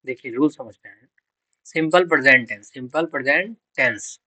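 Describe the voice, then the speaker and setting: A man's voice: mid-range voice, moderate pace, bright, forceful tone, dry recording, poor audio. A man teaching English grammar for exam prep. He quizzes students, answers his own questions and spells out words letter by letter.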